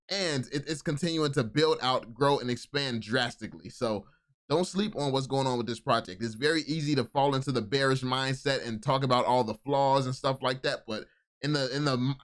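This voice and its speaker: A man's voice: medium pitch, fairly bright tone. A man giving casual, enthusiastic video commentary, often repeating and restarting his words. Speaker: crypto YouTube commentator.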